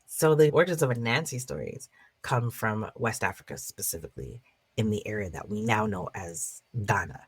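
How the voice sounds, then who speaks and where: A woman storyteller speaking expressively about and in trickster tales, with dramatic pauses and drawn-out, emphatic words. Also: extremely low pitch, expressive, breathy edge, dry recording. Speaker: guest storyteller of Caribbean folklore.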